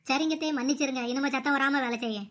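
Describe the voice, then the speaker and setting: A woman's voice: sits high, steady tone, fast talker, natural voice. A woman doing a meek cartoon daughter-in-law. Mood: apologetic. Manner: soft, apologetic, pleading. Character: meek young daughter-in-law, patient and submissive.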